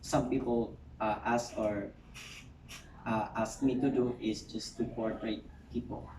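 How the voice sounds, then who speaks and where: A young man with a Filipino accent, answering interview questions politely and hesitantly, with halting phrases. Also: fairly low pitch, steady tone. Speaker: job interview candidate. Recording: distant echoey noisy room recording.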